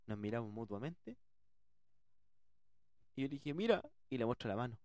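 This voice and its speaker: A man telling a comic personal story in slangy, animated speech. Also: medium pitch, normal speed, no echo. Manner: animated, loud outbursts, slangy.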